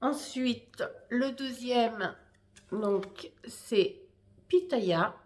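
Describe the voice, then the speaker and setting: A woman's voice: on the high side, drawn-out words, darkish tone. A woman hosting a knitting podcast, chatting casually and hesitantly with many fillers while showing her work. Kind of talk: casual show-and-tell chat.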